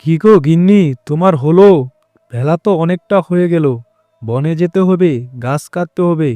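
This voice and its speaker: Man acting a kind poor woodcutter fox, cartoon storybook, high male voice, mellow, expressive. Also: moderate pace, no echo, soft background music, natural voice. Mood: earnest. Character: good-hearted poor woodcutter fox, devoted husband and father.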